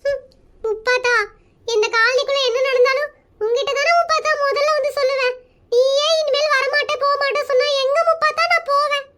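A woman's voice: very high voice, a little fast, pushed and bright. A woman voicing a nosy, dramatic neighbour woman in a cartoon comedy, speaking in a whining, theatrical, wheedling way. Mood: whiny.

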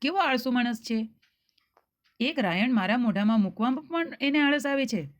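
A woman's voice: on the high side, lively intonation, moderate pace, close to an everyday voice. A woman doing a lazy village lad, whiny. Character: very lazy young village lad, sprawled under a tree.

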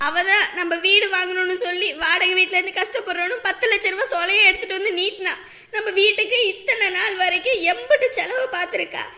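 A woman's voice: very high-pitched, fairly even intonation, fast talker, bright, forceful tone, full character voice. A woman voicing a hard-working, long-suffering mother and wife in a cartoon, pleading and tearful with her husband and tender with her children.

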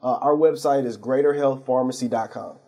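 Man, TV interview guest, earnest explainer, dark tone, slightly husky. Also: medium pitch, brisk. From St. Louis area. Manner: earnest, explanatory, many fillers and restarts. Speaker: pharmacy owner, guest.

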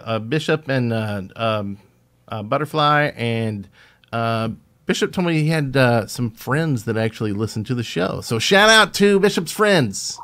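A man's voice: mid-range voice, fairly bright tone. A man, co-hosting a podcast in casual chat and rambling with many fillers. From Alabama, USA. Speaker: podcast co-host.

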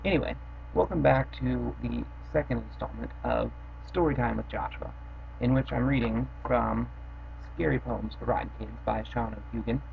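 A young man hosting a children's poem storytime chats casually and offhandedly with fillers, then settles into a steady, rhythmic reading of a rhyming poem. His gravelly, mid-range voice moves at a moderate pace. He records indoors in his bedroom on a built-in webcam mic, giving phone-quality sound with faint hiss.

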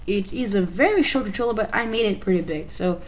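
A woman's voice: medium pitch, lively intonation, fairly quick, low-quality recording. Hesitant Albanian-accented woman explaining steps. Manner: hesitant, often restarting and correcting herself. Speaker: tutorial maker. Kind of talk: casual screen-recording tutorial voice-over.

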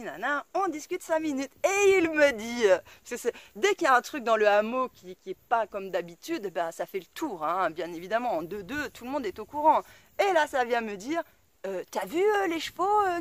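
A woman vlogger casually telling a story to her viewers, blunt and colloquial, swearing freely and full of fillers. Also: fairly high pitch. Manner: chatty, full of fillers and asides. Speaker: off-grid vlogger.

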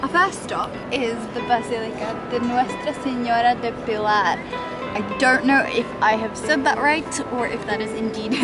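A young woman chatting casually to a handheld camera as a travel vlogger, laughing easily while out on city streets. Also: fairly high pitch. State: tired. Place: outdoors on city streets at night. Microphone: handheld camera at arm's length. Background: music.

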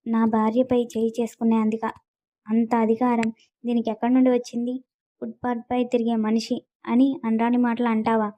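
A woman's voice: on the high side, level tone, a little fast, mellow, no room sound, lightly acted. A woman reading a possessive, hot-tempered husband. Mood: stern.

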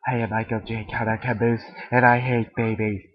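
A man voicing a dim, childlike soldier, speaking slowly and a bit higher and louder than his usual deep voice. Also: flat delivery, distant mic, natural voice. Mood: dopey. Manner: slow, lighter than his own deep voice, emphatic. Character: dim, slow-talking male soldier, childlike. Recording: dull lo-fi webcam audio.

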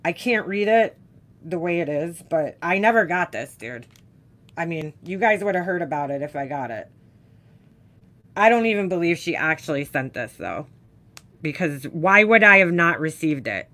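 A woman's voice: on the low side, expressive, moderate pace, fairly bright tone. A woman streamer with a New York accent, reading a letter aloud and ranting about it with scornful, profane exasperation. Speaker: makeup commentary streamer. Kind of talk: ranting live reaction.

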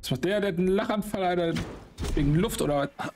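A man giving excitable, slangy casual commentary while he plays a game, swearing often. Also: sits high, fast, a little hiss or hum. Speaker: let's play host.

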